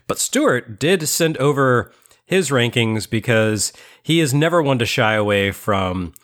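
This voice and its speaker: A man's voice: mid-range voice, lively intonation, measured pace, fairly bright tone. A man hosting a podcast in casual chat, talkative and self-mocking, often laughing. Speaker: podcast host.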